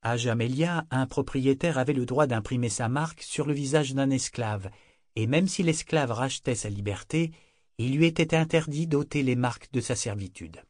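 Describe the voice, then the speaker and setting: A man's voice: medium pitch, moderate pace, a little mellow, dry recording, clean studio sound. Man narrating a fantasy audiobook. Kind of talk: scripted narration.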